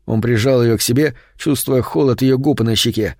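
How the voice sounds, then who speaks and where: Dark-voiced male horror narrator. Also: mid-range voice, gravelly, no echo, studio quality. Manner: steady, measured storytelling. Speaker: audiobook narrator.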